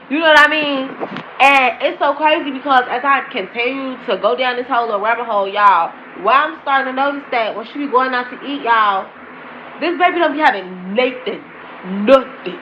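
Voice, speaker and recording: A woman's voice: sits high, highs cut off, slight background noise. A woman blogger ranting heatedly in casual slang, talking straight to her viewers in a commentary vlog. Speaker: celebrity gossip blogger.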